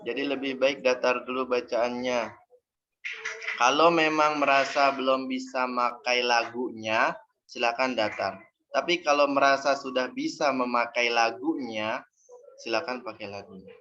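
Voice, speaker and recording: This man speaks at a medium pitch, unhurried and steady, with a bright, forceful tone. He's running an online Quran recitation class, patiently explaining and having syllables repeated aloud, captured on dull audio with faint noise.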